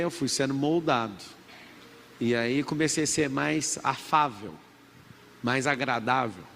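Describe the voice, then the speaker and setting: Gravelly Brazilian man preaching to a crowd. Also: fairly high pitch. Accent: Brazilian Portuguese. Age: 30s. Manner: emphatic, preachy, has the crowd repeat after him. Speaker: motivational speaker. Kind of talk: motivational talk to a live audience. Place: large event hall. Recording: reverberant event hall with faint background noise.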